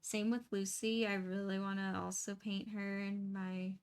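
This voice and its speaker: A woman's voice: medium pitch, little pitch movement, unhurried, clean tone. A young woman chatting casually and a little sleepily as she paints, rambling and laughing often. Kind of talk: casual chat while painting.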